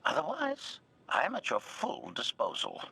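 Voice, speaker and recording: An actor playing a deadpan male assassin droid in a video game, with a smooth robotic filter on his voice and a clipped, formal way of announcing each remark with a one-word label. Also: medium pitch, normal speed, exaggerated voice. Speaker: bodyguard droid.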